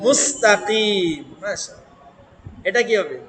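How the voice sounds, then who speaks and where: High-voiced, slow recitation teacher. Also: male voice, expressive, reverberant, long reverb tail, a crowd in the background. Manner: patient, drilling letter by letter, coaxing the student. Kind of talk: one-on-one recitation lesson.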